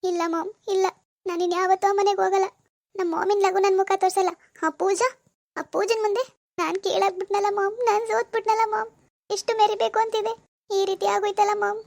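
A woman voicing a bitter young wife who has just lost her baby, accusing and tearful in an animated village drama. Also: very high-pitched, brisk, vocal fry, no echo, studio quality. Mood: grieving.

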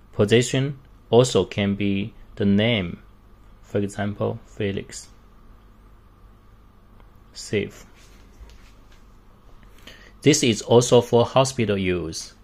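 Walking through a product one step at a time, a man speaks in a fairly low voice with vocal fry. His delivery as a demonstrator is slow and halting, made of short off-the-cuff phrases with non-native English grammar.

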